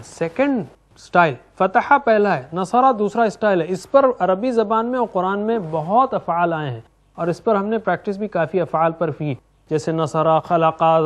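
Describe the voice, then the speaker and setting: A man's voice: high-pitched, dull audio. A middle-aged man teaching Quranic Arabic grammar, chanting verb forms in rhythmic drills and explaining them in sprinkled with English words. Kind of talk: classroom lecture with drills.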